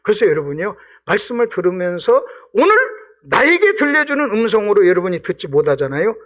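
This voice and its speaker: A middle-aged man preaching a revival sermon in a church, acting out quoted voices with sudden shouts and drops. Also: sits high, very animated, fairly quick. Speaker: guest pastor. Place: church sanctuary.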